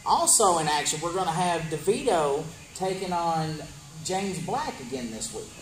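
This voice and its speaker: Male wrestling promo interviewer, animated pitch, announcing match cards in an echoey space with music. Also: measured pace, a little hiss or hum. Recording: echoey room with music behind.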